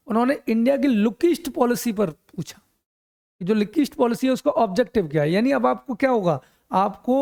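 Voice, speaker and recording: A man's voice: sits high, darkish tone. A middle-aged man teaching an exam coaching lecture, mixing English terms into his explanations and often asking questions and answering them himself.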